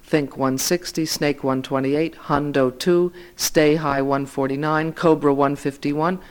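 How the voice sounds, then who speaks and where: A man reading literary fiction aloud in a measured way, voice dropping softly at the ends of lines. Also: a little high, steady tone, clear, resonant tone. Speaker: reader.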